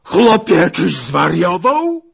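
A man voicing a hotheaded old nobleman with a hoarse voice, shouting in an audiobook. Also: fairly low pitch, big pitch swings, normal speed, voice pushed up, full character voice. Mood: furious.

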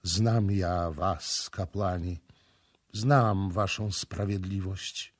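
A man's voice: low-pitched, fairly even intonation, very slow, breathy edge, dry recording, clean studio sound, full character voice. A man reading a storybook, voicing a grieving, frenzied young mother in an anguished, wailing way. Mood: bitter.

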